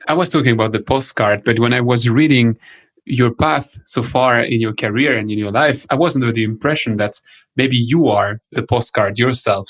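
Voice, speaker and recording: A man's voice: medium pitch, fairly bright tone. Upbeat male podcast host. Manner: eager and upbeat, polite, formally worded questions. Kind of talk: scripted intro and interview questions.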